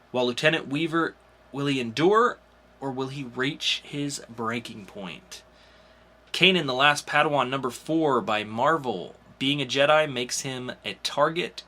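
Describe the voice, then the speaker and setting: A podcast co-host chats about comics in a casual, enthusiastic, informal review. His mid-range voice is bright and forceful, with faint background noise in the recording.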